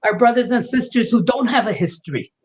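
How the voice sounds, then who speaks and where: A woman's voice: on the high side, expressive, a little fast, a crowd in the background. Woman, New York Puerto Rican accent, heartfelt, Spanglish, panel talk. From Brooklyn, New York. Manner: heartfelt, mixes Spanish into English. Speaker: panel guest. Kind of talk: casual panel discussion.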